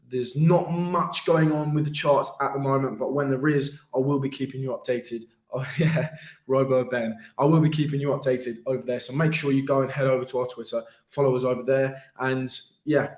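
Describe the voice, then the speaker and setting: A man's voice: medium pitch, reverberant. A man co-hosting a live crypto stream, signing off to viewers in an upbeat, chatty way. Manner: upbeat, chatty, laughs easily. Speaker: co-host of a crypto livestream. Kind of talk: casual sign-off to viewers.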